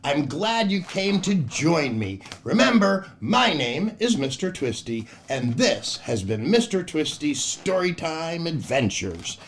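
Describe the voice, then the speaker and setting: With a slightly high voice and big pitch swings, the older man takes it slowly, pausing little, as he hosts a children's storytime. Cheery and theatrical, he reads rhymes aloud and speaks directly to the young audience, over slight background noise.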